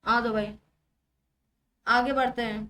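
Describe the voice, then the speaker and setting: A young woman teacher running an exam-prep grammar lesson, briskly drilling and repeating words and asking rhetorical questions. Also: fairly high pitch, fairly even intonation, bright, forceful tone.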